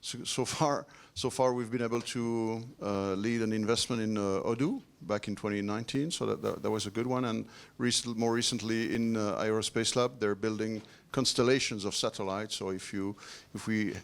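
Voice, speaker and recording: A man, a venture investor introducing himself on a conference panel, halting and repeating words. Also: fairly low pitch, steady tone, creaky. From Belgium.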